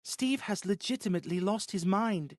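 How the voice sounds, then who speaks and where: A man's voice: high voice, normal speed, no echo, clean studio sound, voice pushed up, lightly acted. A man voicing a worried young woman in an audiobook, who presses with anxious questions.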